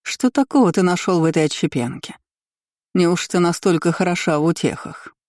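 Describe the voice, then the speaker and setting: In an audiobook character voice, a male narrator rises well above his usual pitch to play a cruel empress taunting and gloating over her captive, lilting and sing-song in a mocking mood. His dark, mellow sound, like a storybook villain savoring every word, is natural, delivered at normal speed, and recorded close and dry with no room sound.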